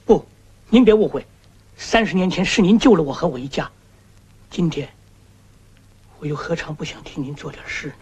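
A husky middle-aged man from a 1970s film drama, fumbling for words and apologizing. His pitch swings widely while he stammers through half-finished excuses to a guest. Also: animated, normal speed, pauses often, a little mellow. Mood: hesitant, apologetic. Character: evasive middle-aged man, anxious host fending off a guest.

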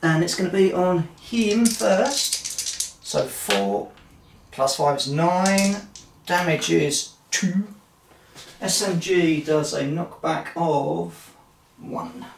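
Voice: mid-range voice, expressive, extremely slow, creaky, a little hiss or hum. A player talking through a solo tabletop wargame, muttering dice sums, humming and chatting to themselves. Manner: mutters dice sums, hums and talks to self. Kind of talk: casual play-by-play of dice rolls. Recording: roomy sound from a distant mic.

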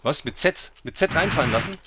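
A man giving let's play game commentary, excitable and teasing, who swears and bursts into loud yells. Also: fairly high pitch, brisk, over music. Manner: mocking, teasing banter.

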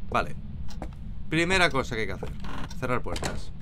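Young adult Spanish-accented male gamer, lively chatty commentator, faint background noise. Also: mid-range voice, normal speed. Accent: Spain. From Spain. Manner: chatty, joking, talks to viewers. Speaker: gaming YouTuber. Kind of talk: solo gameplay commentary.

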